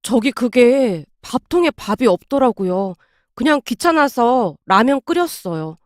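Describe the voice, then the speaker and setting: Woman voices a meek young husband, quiet and deferential, dry close read. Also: fairly high pitch, expressive, a little slow, no room sound.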